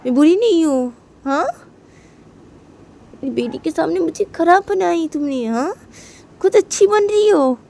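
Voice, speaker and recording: A woman voicing an angry, possessive woman partner who scolds loudly. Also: very high voice, lively intonation, unhurried, gravelly, pauses often, voice pushed up, exaggerated voice. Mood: furious. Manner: loud, scolding.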